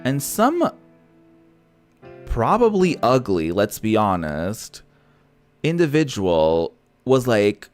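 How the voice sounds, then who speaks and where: Playing a visual novel on stream, a gaming content creator whose native language is Portuguese gives sassy, opinionated casual commentary and swears freely, with background music behind him. His fairly low voice is very animated, yet he speaks slowly and pauses often.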